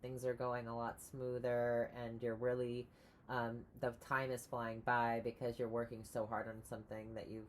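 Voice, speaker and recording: Very low-voiced woman reading tarot. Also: level tone, moderate pace, a little hiss or hum. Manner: rambling, many ums and restarts. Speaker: tarot reader.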